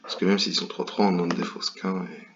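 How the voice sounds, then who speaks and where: A man's voice: low voice, little pitch movement, a little fast, highs cut off, a little hiss or hum. A man from France commentating an online bridge tournament in a casual, hesitant way, with many fillers and restarts.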